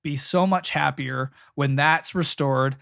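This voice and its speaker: Young male podcast co-host, lightly raised pitch, earnest advice, dry booth sound. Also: slow pace, vocal fry, fairly bright tone, dry recording. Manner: earnest, emphatic advice with laughs. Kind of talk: casual chat about marriage and parenting.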